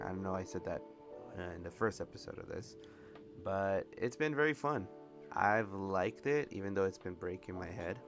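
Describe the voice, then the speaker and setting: A man doing casual, rambling commentary over video game footage and laughing often. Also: on the low side. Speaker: gameplay commentator.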